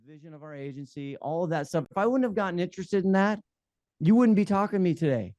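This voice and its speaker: A man's voice: sits high, lively intonation, fast talker, a little mellow, dry recording. A man in his forties, a podcast guest, telling his career story in a candid, self-deprecating way. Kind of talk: conversational interview.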